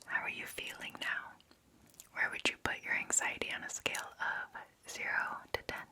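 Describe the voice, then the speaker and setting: Gentle and unhurried, the whispering voice belongs to an ASMR performer in her twenties acting as a therapist. She sits in a cozy little room, leaning near an ASMR mic that's just off camera.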